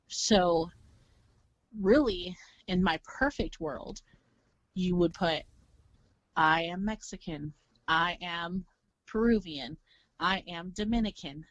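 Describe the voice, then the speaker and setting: A young woman from California talking as a podcast guest in animated, chatty casual conversation, full of fillers. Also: lowish voice, no room sound, highs cut off. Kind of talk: casual chat.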